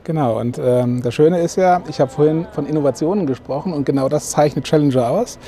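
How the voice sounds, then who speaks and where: Speaking briskly over background noise, a middle-aged man showcases a camper van to an interviewer at a trade fair. He's a sales manager, his pitch is packed with "ähm" fillers, and the mic is close to him inside the van.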